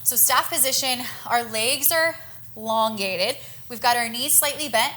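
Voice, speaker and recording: A woman's voice: fairly high pitch, measured pace, pushed and bright. A young woman leading a yoga class, giving encouraging breath-timed cues and sounding a little out of breath. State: slightly out of breath. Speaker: yoga instructor. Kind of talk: guided yoga class instruction.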